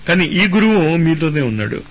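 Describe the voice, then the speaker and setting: A man giving a spiritual discourse as a teacher, drawing out syllables slowly and asking rhetorical questions he answers himself. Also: on the high side, sing-song. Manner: slow, drawn-out syllable-by-syllable chanting of sounds. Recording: tinny phone-like radio broadcast with faint noise.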